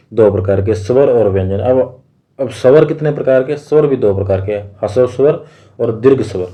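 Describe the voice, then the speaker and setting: Mellow-voiced man teaching exam grammar. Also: mid-range voice. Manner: asks the class questions and answers them himself, repeating key points. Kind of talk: exam-prep grammar lesson.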